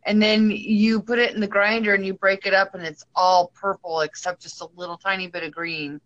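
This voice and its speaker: A woman from South Dakota chatting casually, animated and quick to laugh. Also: medium pitch, dull audio. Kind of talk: casual chat.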